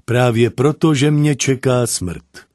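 A man's voice: medium pitch, animated, darkish tone, no room sound, clean studio sound, pitched above the performer's own voice, natural voice. A man voicing a giant male deserter soldier, grieving and plain-spoken, telling his story in an earnest, sorrowful way.

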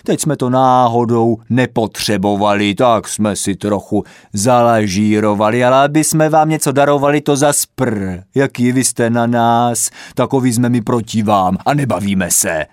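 A man's voice: mid-range voice, clear, resonant tone, no echo, clean studio sound, lightly acted. Casual: guy playing smug young soccer fan son, storybook voice. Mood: haughty. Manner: haughty, boastful. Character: cocky young male football fan, son.

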